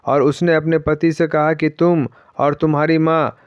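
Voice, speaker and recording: Guy reading a story, kinda high voice, even steady narration, dry lo-fi sound. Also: measured pace, clean tone, dry recording.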